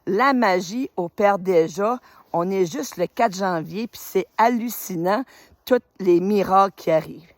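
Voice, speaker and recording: This New Brunswick woman in her fifties, a retired teacher now leading a spiritual group, greets her followers in an unhurried, mid-range voice with no room sound. She rambles warmly and eagerly, full of fillers, recording on her phone outside on a wintry road.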